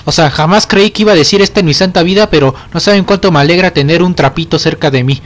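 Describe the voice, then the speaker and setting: A man's voice: fairly high pitch, quick pace. A young man with a Mexican accent doing let's play commentary, joking in slang and easily startled. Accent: Mexican Spanish. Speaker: gamer. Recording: game music playing behind.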